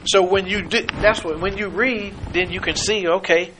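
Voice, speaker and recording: A man preaching a sermon, halting and searching for words, acting out the scripture quotes. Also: sits high, steady tone, sharp tone. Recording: noisy recording.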